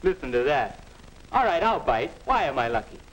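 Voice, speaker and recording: A man's voice: mid-range voice, very animated, moderate pace, close to an everyday voice. A young male actor playing a restless, skeptical teenage boy, earnest and questioning, in a 1950s educational film. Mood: puzzled, curious. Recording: noisy 1950s film soundtrack.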